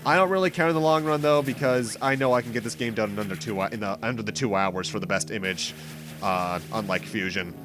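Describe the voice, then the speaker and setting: Over video game music and some background noise, a male host gives rambling let's play commentary that's chatty and mildly wry. His voice is on the low side, and he talks at a quick pace.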